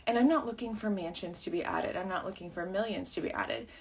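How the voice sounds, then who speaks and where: A woman in her thirties talks casually on a livestream, wandering into tangents and leaning on fillers. Her voice is husky and breathy, still rough from the morning. It sits at an ordinary middle pitch for a woman. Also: fast talker. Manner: rambling, chatty, full of fillers and tangents. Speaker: vlogger and wedding videographer.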